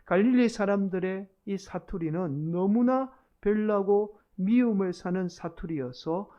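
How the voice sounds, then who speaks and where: Brief: storytelling male preacher, warm and mellow, sermon style. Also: high-pitched, unhurried. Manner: storytelling, addresses the congregation directly. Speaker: senior pastor. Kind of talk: expository sermon. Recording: dull lo-fi sound.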